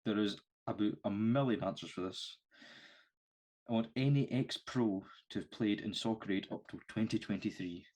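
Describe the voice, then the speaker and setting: A man co-hosting a football podcast and running a quiz game, quick and teasing. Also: fairly low pitch, a little mellow. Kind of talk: casual football chat.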